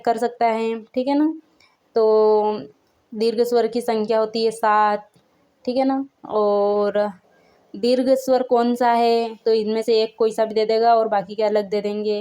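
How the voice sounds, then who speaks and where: A woman's voice: a little high, dark tone, clean tone. A woman teaching a Hindi grammar lesson in a casual classroom way. She keeps checking that the viewer follows and stretches out sounds to show them. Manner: repeats "theek hai na" after each point, asks the viewer questions; stretches out sounds to show how long they are.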